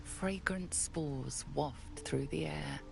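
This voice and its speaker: A woman giving measured, atmospheric scripted narration for a game. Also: low voice, vocal fry, heavily acted. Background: game music.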